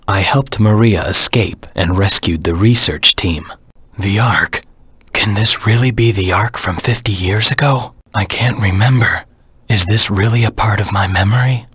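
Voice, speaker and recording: An actor voicing a brooding, vengeful anti-hero hedgehog in a video game, with a husky rasp and a grim, terse, dramatic delivery. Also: male voice, fairly bright tone, dry recording, exaggerated voice. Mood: brooding, questioning. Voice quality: low, husky, gravelly rasp.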